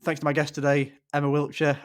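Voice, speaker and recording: A man's voice: a little high, completely flat delivery, quick pace. A man hosting a sports podcast, asking questions and reading a rambling, informal sign-off. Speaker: podcast host. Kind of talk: podcast interview and outro.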